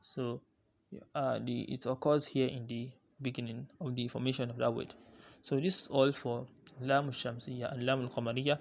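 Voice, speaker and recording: A man's voice: mid-range voice, little pitch movement, gravelly. A man teaching the rules of Quran recitation in a lesson, often stopping to repeat himself and restart his sentences. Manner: halting, repeats and restarts, drawn-out Arabic recitation terms. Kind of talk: religious lesson explaining a poem. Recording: dull lo-fi recording.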